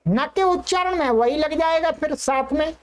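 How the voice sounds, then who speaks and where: A woman teaching an online class, patiently repeating each sound slowly for her learners. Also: high-pitched. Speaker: Sanskrit teacher.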